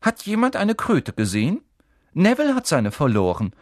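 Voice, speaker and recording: A man voicing a bossy, fast-talking eleven-year-old schoolgirl in an audiobook, commanding and rattling off words breathlessly. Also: high-pitched, sing-song, husky, no room sound, studio quality, pitched above the performer's own voice, full character voice. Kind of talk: audiobook character voice.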